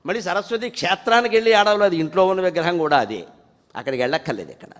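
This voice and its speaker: High-voiced man giving a devotional discourse. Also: lively intonation, fairly bright tone. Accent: Telugu. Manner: chants verses slowly and fervently between plain explanations. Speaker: spiritual speaker. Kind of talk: devotional discourse with sung verses. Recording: hall reverb.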